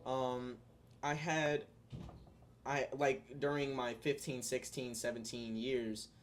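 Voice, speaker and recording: A man's voice: medium pitch, little pitch movement, slow, slight background noise. A young man talking straight to his viewers in a casual vlog, rambling through his thoughts with lots of fillers and restarts. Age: young adult. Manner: earnest, spiritual musings addressed to viewers. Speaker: vlogger.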